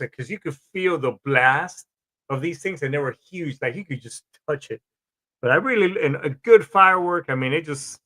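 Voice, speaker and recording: A man's voice: a little high, fairly bright tone. A man from Colombia, a Marine veteran, hosting a podcast in a rambling, casual monologue with frequent restarts and swearing.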